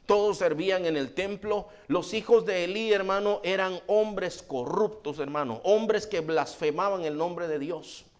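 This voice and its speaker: Brief: male pastor, fervent sermon delivery, higher-pitched voice, keeps calling the listeners brother.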